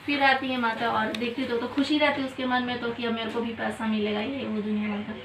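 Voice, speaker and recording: A woman's voice: a little high, little pitch movement, brisk. A woman who tells a devotional folk tale at a home puja gathering, checking in with her listeners with "right?" tags. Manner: storytelling with frequent "right?" tags. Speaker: storyteller at a puja. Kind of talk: telling a religious folk tale. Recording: roomy, distant phone capture with noise.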